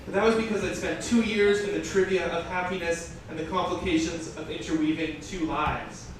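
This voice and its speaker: At an indoor event, this man performs a theatrical, comic reading at a moderate pace, his voice on the high side. He breaks off into sweary, incredulous asides that mock the material. The audience is audible, and the echoey live room is recorded from a distance.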